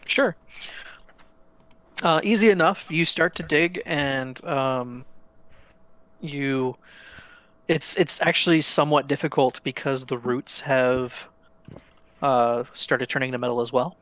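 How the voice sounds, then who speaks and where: A man's voice: medium pitch, steady tone, slow, long pauses, fairly bright tone, dry recording. A man running a tabletop role-playing game, describing scenes hesitantly with many fillers. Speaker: game master.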